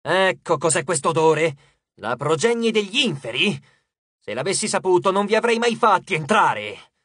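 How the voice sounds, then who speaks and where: A man plays a capricious male god who lectures his guests with breezy scorn in a storybook reading. The voice sits a little high and the recording is close and dry. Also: very animated, normal speed, a bit bright, breathy edge, dry recording, exaggerated voice. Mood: scornful. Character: haughty petulant male god, dismissive and capricious. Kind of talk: audiobook character reading.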